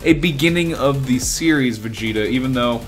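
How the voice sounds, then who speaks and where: A man's voice: medium pitch, moderate pace, faint music behind. A young man hosting a gaming video, chatting casually and rambling with fillers. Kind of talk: casual commentary on game news.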